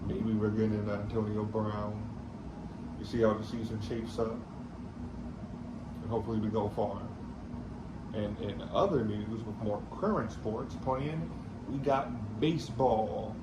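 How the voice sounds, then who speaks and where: A man's voice: lowish voice, steady tone, measured pace, pauses often. A man in a casual sports chat, giving loose, rambling, noncommittal commentary. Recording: roomy echo with clear background noise.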